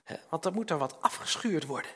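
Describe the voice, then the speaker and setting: A man's voice: on the high side, lively intonation, brisk, fairly bright tone, husky. An older man preaching a chatty, informal sermon, often tagging questions onto his sentences and acting out little scenes.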